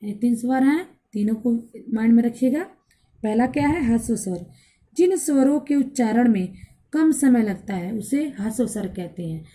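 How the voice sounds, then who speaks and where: A woman's voice: a little high, expressive, moderate pace, mellow. A woman teacher giving a grammar lesson who asks the class questions, then answers them herself and repeats each point. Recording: recorded for an online class video.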